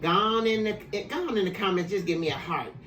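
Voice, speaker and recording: A woman hosting a casual talk show, lively and teasing with her guest. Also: medium pitch, a little fast, reverberant, far from the mic, soft background music. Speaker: host.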